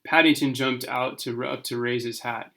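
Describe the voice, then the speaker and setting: A man reads a storybook aloud to kids in a bright, forceful voice. He acts out the story for his young listeners, occasionally tripping on a word and going back over it. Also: mid-range voice, steady tone, moderate pace, gravelly. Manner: stumbles over words and rereads them. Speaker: storybook reader.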